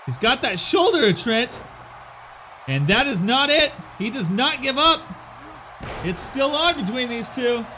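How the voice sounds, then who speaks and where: A male wrestling commentator with a very high, forceful voice delivers excited play-by-play. He is dramatic and exclamatory, leaning on rhetorical questions and catchphrases to build suspense. A faint noisy ambience sits behind him. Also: a little slow.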